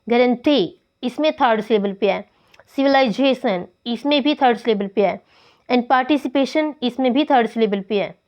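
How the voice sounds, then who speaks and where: A woman's voice: a little high, a little mellow. A woman teaching English word stress, going through examples one by one. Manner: rapid explanation, spells out stressed syllables word by word. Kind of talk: online exam-prep grammar lesson.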